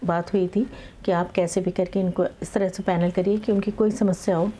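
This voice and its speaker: Middle-aged female advocate, interview guest; measured, pause-filled delivery, warm and dark in tone. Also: lowish voice, level tone, slight background noise. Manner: measured, many filler pauses, mixes English legal terms into Hindi. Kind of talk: explaining in conversational interview.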